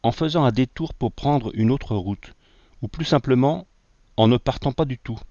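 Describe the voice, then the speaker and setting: A man's voice: medium pitch, moderate pace, dark tone, dry recording, voice pushed up, close to an everyday voice. A man voicing a boastful male artist who brushes off danger with joking nonchalance. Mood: mocking. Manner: swaggering, jokey nonchalance. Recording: dull lo-fi, dry.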